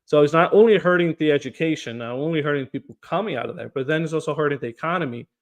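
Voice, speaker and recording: In this podcast interview, a political candidate from Portugal speaks with a fairly high, rapid-fire voice. He answers earnestly and tends to repeat words at the start of his phrases.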